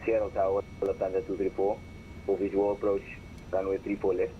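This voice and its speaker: A man's voice: low voice, monotone, a little hiss or hum. A man making clipped airline pilot calls over the radio, heard through a cockpit headset. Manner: brisk, clipped readback. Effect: pilot call heard over cockpit headset radio. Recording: muffled distant radio.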